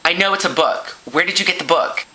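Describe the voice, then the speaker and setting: A man's voice: on the high side, brisk, crowd noise, voice pushed up, natural voice, poor audio. A man voicing a stern, exasperated mother scolding her son. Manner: exasperated, accusing.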